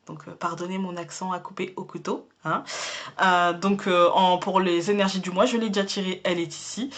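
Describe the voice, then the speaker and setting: A woman giving a casual monthly tarot reading to camera. She talks in a chatty, reassuring way, hesitating often with fillers and repeated words. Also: fairly low pitch. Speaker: tarot card reader.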